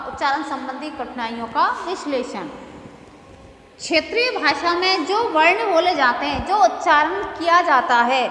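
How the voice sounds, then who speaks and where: A woman giving a lecture to teacher trainees, explaining slowly and repeating key phrases. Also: high-pitched, fairly bright tone. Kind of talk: classroom lecture. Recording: echoey hall with faint noise.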